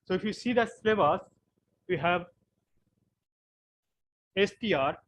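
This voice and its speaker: A man from West Bengal with an Indian English accent, giving an online physics class and explaining slowly with frequent repetitions. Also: high voice, animated, a bit bright, a little hiss or hum, poor audio. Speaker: physics lecturer.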